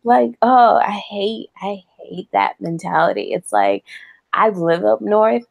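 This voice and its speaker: A woman's voice: mid-range voice, animated, takes it slowly, gravelly, no echo, narrow, tinny audio. A woman from the American South co-hosting a podcast, blunt and laughing often in casual chat. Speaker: podcast co-host.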